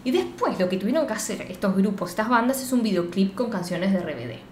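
A woman with an Argentine accent, excitedly recapping a series in casual, slangy chat. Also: medium pitch, quick pace. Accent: Argentine Spanish. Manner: animated storyteller, slangy and swearing. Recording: echoey room with faint noise.

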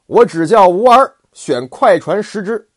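A man voicing a proud, fearless bearded warrior general in an oral storytelling of a classic tale, declaiming slowly and haughtily in a raised voice. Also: sits high, lively intonation, no room sound, studio quality, voice pushed up. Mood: proud, defiant.

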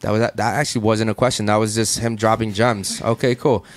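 Speaking in a lowish voice with a flat delivery, a podcast host in a Miami studio fires off questions at his guests. His casual chat is brash, rapid-fire and laced with profanity.

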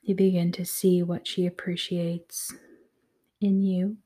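A woman leading a guided meditation in a soft, soothing voice that often drops to a whisper. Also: lowish voice, flat delivery, takes it slowly, husky.

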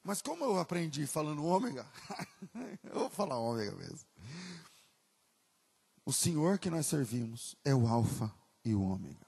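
A man preaching a sermon as pastor with a Brazilian Portuguese accent, moving from casual asides to loud, emphatic preaching. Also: on the high side, very animated, moderate pace, creaky, pauses often, breathy edge, big-room sound.

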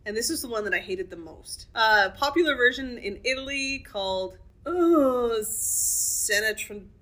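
A woman with a bright, forceful voice talks in a relaxed podcast chat. She gives her opinions bluntly and laughs often with her co-host. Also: fairly high pitch, unhurried. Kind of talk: casual chat about fairy tale history.

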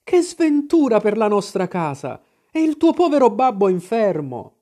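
A man's voice: sing-song, moderate pace, warm tone. A man voicing an alarmed innkeeper's wife who wails and laments in a raised voice. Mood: distraught. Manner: wailing, high-pitched lament. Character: frightened innkeeper's wife, woman.

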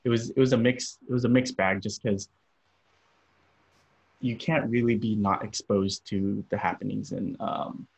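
A young man from Los Angeles, a podcast guest, talking about his upbringing in a relaxed, rambling way with many fillers. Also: lowish voice, moderate pace, gravelly, slightly rough. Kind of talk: casual interview. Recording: dull lo-fi audio.

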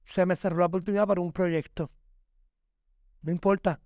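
Man, high voice, dry close mic, dramatic pep-talk guest. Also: steady tone, normal speed, a little mellow, dry recording. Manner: emphatic, preachy, dramatic, addresses listener as "mi amor". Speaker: podcast guest, entertainer. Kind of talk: motivational podcast conversation.

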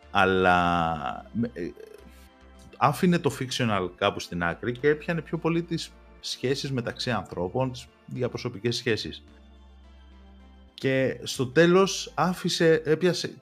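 A young man, co-hosting a podcast and chatting casually about TV series, with a rambling way of talking full of restarts. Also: lowish voice. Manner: rambling, many restarts and fillers. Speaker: podcast co-host.

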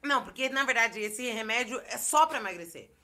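A woman, joking loudly and brashly in a rowdy casual podcast chat. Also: fairly high pitch, lively intonation, a little fast, heavy background noise. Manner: loud, brash, joking, shouting declarations. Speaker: podcast guest.

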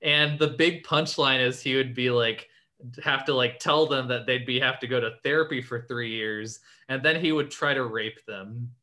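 A man's voice: mid-range voice, moderate pace, pushed and bright. A young man hosting a casual podcast, telling a long story and filling it with "like" at nearly every turn. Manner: rambling storyteller, heavy use of "like". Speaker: podcast host. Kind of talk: casual chat.

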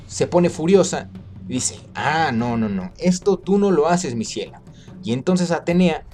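A man retelling an ancient epic in casual, slangy, lively narration. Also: mid-range voice. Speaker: storyteller.

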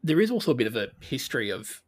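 Husky-voiced teasing man. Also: mid-range voice, sing-song, quick pace. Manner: contrarian, teasing. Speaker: podcast co-host. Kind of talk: casual review chat.

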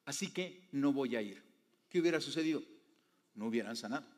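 A male pastor preaching a sermon, often putting rhetorical questions to the congregation and swinging between hushed low phrases and loud emphatic ones. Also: animated, fairly quick. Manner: asks the audience frequent rhetorical questions. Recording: long hall reverb.

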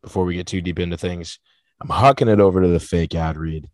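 A man with a low, gravelly, hoarse voice, hosting a casual podcast in a playful, slangy way. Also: steady tone, brisk, darkish tone, no echo, clean studio sound. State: hoarse after cheering at a game. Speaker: podcast host.

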